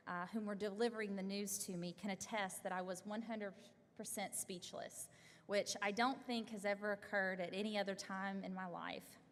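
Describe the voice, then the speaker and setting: A young woman giving an earnest, heartfelt acceptance speech as she receives an award, speaking in a large hall at an awards event. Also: mid-range voice. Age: young adult. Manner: earnest, heartfelt thank-yous read from notes. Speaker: award recipient. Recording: long hall reverb.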